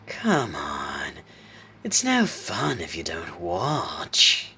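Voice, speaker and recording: A man voicing a sinister, cruel male clown in a horror story reading, speaking in a raspy, slow, mocking whisper. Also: deep voice, huge pitch swings, bright, forceful tone, a little hiss or hum, full character voice.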